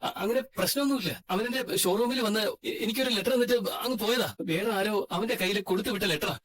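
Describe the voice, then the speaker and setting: A man's voice: high-pitched, fast, a bit bright. A man voicing an anxious shop owner who is easily startled and flustered, in a fan dub of a TV serial.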